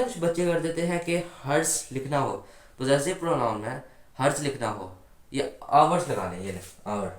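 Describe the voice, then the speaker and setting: Patient male grammar teacher, roomy echo. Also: fairly high pitch. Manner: patient, asks the class rhetorical questions. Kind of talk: explanatory classroom lesson.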